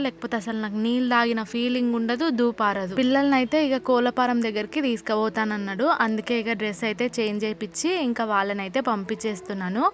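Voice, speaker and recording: A woman's voice: on the high side, slight background noise. A woman, chatting casually to camera at home in a vlog about her evening with her kids. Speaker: vlogger and mother.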